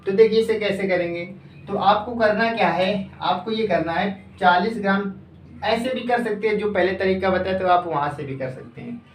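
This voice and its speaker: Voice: medium pitch, slight background noise. Coaching teacher, exam-prep math lesson, self-answering questions, echoey room, distant mic. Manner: asks the class questions and answers them itself; repeats phrases slowly as if dictating.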